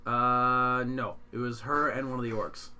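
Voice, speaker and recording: A man running a tabletop game as game master, narrating with hesitant pauses and fillers. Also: mid-range voice, steady tone, bright, forceful tone. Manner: halting, hesitant, with frequent fillers.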